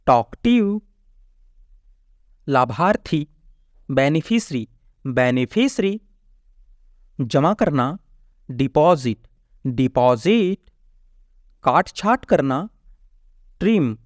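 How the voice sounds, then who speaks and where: Male tutor, slightly high voice, very slow vocab drill, repeats each word twice. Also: no echo, clean studio sound. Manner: reads each Hindi meaning, then repeats the English word twice. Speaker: vocabulary teacher.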